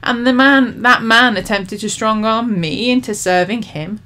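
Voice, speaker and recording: A woman's voice: on the high side, measured pace, sharp tone, voice pushed up. Woman voicing a thin, spiteful demon man. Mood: taunting. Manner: taunting, sing-song mockery. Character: spiteful male demon, mocking and cruel.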